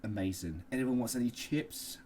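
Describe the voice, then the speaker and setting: A man's voice: mid-range voice, moderate pace, a little hiss or hum. A man from London with a Cockney accent, co-hosting a casual podcast chat and joking and laughing often. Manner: jokey, laughs often, lively storytelling. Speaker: podcast co-host.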